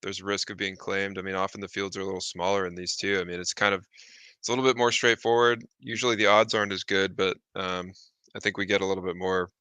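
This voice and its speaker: Bright crisp male racing analyst. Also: deep voice, flat delivery, dry recording. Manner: measured, hedging analysis. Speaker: racing co-host. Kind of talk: casual handicapping talk.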